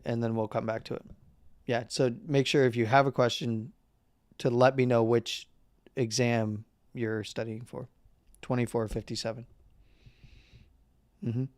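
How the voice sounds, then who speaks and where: A man hosting a live market analysis stream who is losing his voice, talking casually through chart levels with halting fillers and the odd throat-clear. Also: medium pitch, a little mellow, no room sound. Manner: halting, with fillers and number readouts; clears throat and coughs now and then.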